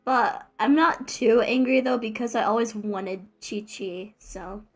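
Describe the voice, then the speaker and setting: Faint music plays behind a woman's higher-pitched voice as she streams a game live at a measured pace. She's a VTuber chatting loosely and at length, teasing herself and cracking jokes.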